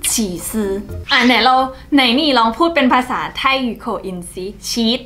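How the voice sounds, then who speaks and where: A bright, high-pitched woman with a Thai accent hosts a playful language-comparison vlog. She is bubbly and laughs often as she hops between languages, with faint music running under her voice. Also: expressive, measured pace. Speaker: vlog host.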